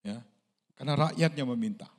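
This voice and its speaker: A man from Indonesia, a pastor, preaching a sermon in a conversational storytelling way, asking the congregation questions and acting out quoted voices. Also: brisk. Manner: storytelling, acts out quoted voices with big pitch jumps.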